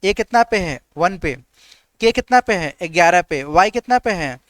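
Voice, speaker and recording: A man teaching an exam-prep reasoning class online, firing quick questions about letter positions and answering them himself in a steady call-and-response drill. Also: high-pitched, no room sound. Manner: repeats "ठीक है" as a filler. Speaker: reasoning teacher for government exams.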